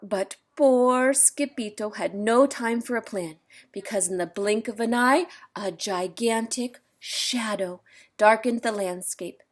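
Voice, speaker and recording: A woman's voice: on the high side, slow. A woman reading a picture book aloud at storytime, stopping now and then to explain the story to young listeners. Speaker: children's book reader.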